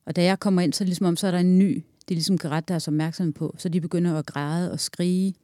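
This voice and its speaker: A woman's voice: fairly low pitch, fairly even intonation, mellow, dry recording, studio quality. A woman in her forties recounting a personal loss in an interview, candid and earthy, telling it in vivid detail.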